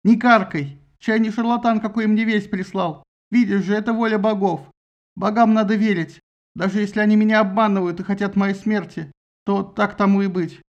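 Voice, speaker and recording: A man voicing an old grieving king who is grumpy and shouts shrilly. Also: high voice, fairly even intonation, moderate pace, lo-fi sound, pitched above the performer's own voice.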